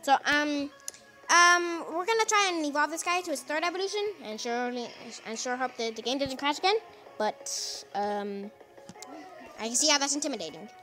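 Woman gaming host, high and bright, casual rambling commentary with many fillers, recorded on a phone. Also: animated, moderate pace, soft background music. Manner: rambling, full of fillers and restarts. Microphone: phone set down nearby.

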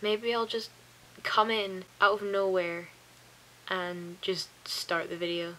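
A woman's voice: medium pitch, little pitch movement, takes it slowly, fairly bright tone, a little hiss or hum, low-quality recording. A young woman chatting in a rambling, sleepy way, saying "like" a lot, recorded on a webcam in her bedroom at night. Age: young adult. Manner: rambling, chatty, sleepy and self-deprecating, with frequent "like". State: tired, a bit wheezy and coughy. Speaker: vlogger. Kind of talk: casual diary vlog. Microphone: webcam close to the face.

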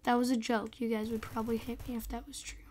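A young woman with a hoarse, squeaky voice that breaks into a whispery rasp, giving excitable, chatty, casual commentary on a game. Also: fast talker, a little hiss or hum. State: hoarse, losing voice. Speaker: gaming video host.

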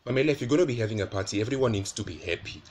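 A man voicing a loud, bubbly party host. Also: on the low side, expressive, very fast, slight background noise, close to an everyday voice.

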